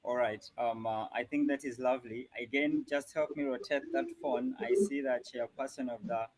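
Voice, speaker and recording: Male host, live online call, lots of "um" and "uh", mid pitch. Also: fairly even intonation, moderate pace, dry recording, poor audio. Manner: hesitant, with many fillers.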